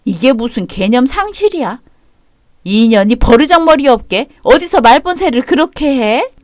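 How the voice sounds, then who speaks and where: A woman voicing a pushy middle-aged mother-in-law who speaks in a shrill, indignant and rude manner. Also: sing-song, normal speed, darkish tone, no room sound, studio quality. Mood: scolding.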